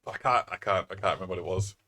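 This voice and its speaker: A man's voice: sits low, rapid-fire, pushed and bright. A man co-hosting a casual podcast, laughing often and tossing in dry quips. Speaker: podcast co-host. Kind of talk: casual banter.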